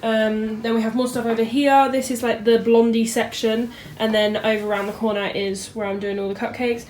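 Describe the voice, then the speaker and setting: A woman's voice: on the high side, little pitch movement, a little fast, a little mellow, slight background noise. A young woman giving a casual, chatty vlog walkthrough of her home kitchen on a handheld camera, with lots of ums. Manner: chatty, filler-heavy, showing things as she goes. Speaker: home baker and vlogger.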